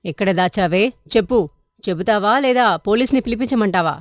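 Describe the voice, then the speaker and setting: A woman voicing a suspicious middle-aged housewife who scolds loudly. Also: mid-range voice, moderate pace, no room sound, clean studio sound, natural voice. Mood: angry. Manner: scolding, shouting.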